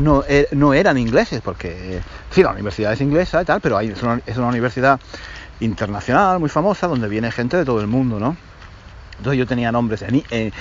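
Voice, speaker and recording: A man in his forties from Spain, with a Spanish accent from Spain, telling a story casually to language learners as a teacher. He talks hesitantly, with frequent restarts and check-in questions. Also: medium pitch. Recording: slightly muffled lo-fi audio with faint noise.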